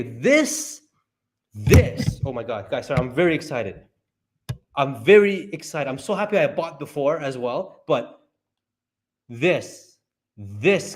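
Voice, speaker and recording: A man streaming live commentary as he reads through a report, talking to himself and his viewers and breaking into excited high yelps. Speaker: stock market streamer.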